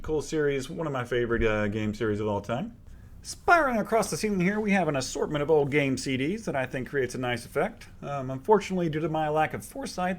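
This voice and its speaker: A man narrating a casual guided video tour as the guide of his own room. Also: on the high side.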